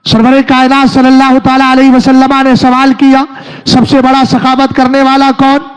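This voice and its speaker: A man's voice: extremely high pitch, monotone, moderate pace, clean tone. A man preaching a religious sermon, reciting Arabic verses and then explaining them, often asking his listeners whether they have understood. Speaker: Islamic preacher.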